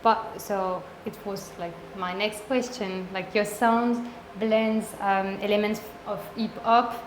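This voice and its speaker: A woman's voice: medium pitch, steady tone, takes it slowly. A woman interviewer asking questions and giving brief encouraging responses. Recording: echoey room, faint noise.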